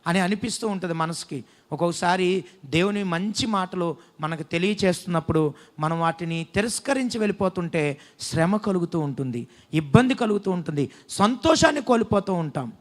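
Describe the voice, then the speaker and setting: Telugu-accented pastor guy, high voice, preaching, calls out scripture lines to repeat. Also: animated, fairly quick. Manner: preaching with call-and-response scripture reading. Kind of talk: sermon. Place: church hall.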